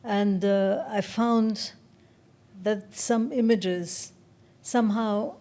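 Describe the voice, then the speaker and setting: A woman near seventy, originally from Egypt, tells her story in an interview. Her voice is soft and mellow, and her pitch sits in an ordinary middle range. She speaks slowly and thoughtfully, often pausing to find her words. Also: steady tone. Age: around 70. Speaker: interview guest, writer. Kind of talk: reflective interview talk.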